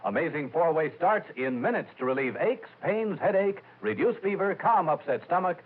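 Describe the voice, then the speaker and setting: A man's voice: fairly high pitch, expressive, normal speed. A male announcer reading a 1950s radio commercial in an emphatic, salesmanlike way. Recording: thin, narrow vintage radio broadcast.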